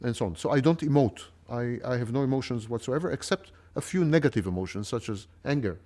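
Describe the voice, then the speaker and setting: A man giving a confessional interview in a calm, clinical, detached manner. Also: mid-range voice, fast talker.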